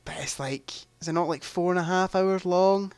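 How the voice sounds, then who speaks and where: A man's voice: high voice, normal speed, a little mellow, clear, resonant tone, no echo. A man hosting a live movie quiz stream, chatting casually, thinking aloud and making self-deprecating asides.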